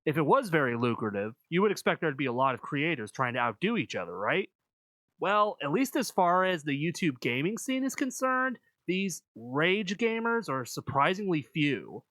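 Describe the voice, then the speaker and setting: A man reading scripted video essay narration in a measured, explanatory manner. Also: fairly high pitch, very animated, fairly bright tone, no room sound.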